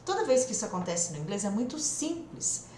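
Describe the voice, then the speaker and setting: Brazilian woman teaching, high voice, echoey room. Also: fairly quick. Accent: Brazilian Portuguese. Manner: lively, direct, stretches words for emphasis. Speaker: English teacher. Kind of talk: online English lesson. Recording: echoey room with faint noise.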